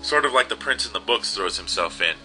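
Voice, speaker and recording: A man's voice: lowish voice, expressive, a little fast, sharp tone, soft background music, poor audio. A young man casually commenting on an old adventure game and reading its text aloud. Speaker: let's play host.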